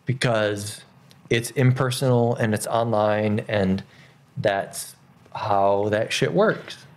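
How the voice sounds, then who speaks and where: A man's voice: fairly low pitch, slow, a little mellow. A man chatting casually, blunt and agreeable, swearing now and then. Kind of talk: casual chat.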